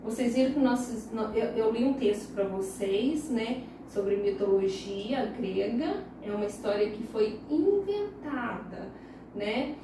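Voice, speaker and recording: Woman, Brazilian Portuguese accent, primary school teacher, high-pitched, slow and patient, spells out syllables, very reverberant room. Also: expressive, background noise. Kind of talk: recorded lesson for young children. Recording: very echoey room, voice far from the mic.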